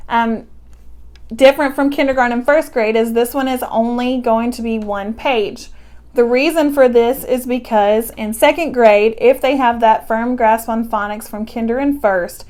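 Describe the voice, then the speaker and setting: A woman's voice: on the high side, a little mellow. A woman with a Texan accent walking teachers through a phonics lesson in a friendly, explanatory way. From Texas, US. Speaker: teacher and curriculum presenter. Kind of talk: instructional walkthrough.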